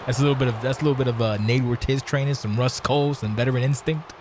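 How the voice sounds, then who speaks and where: A man giving conversational color commentary on wrestling, casual and salty, with halting phrasing. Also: medium pitch, steady tone, noisy background.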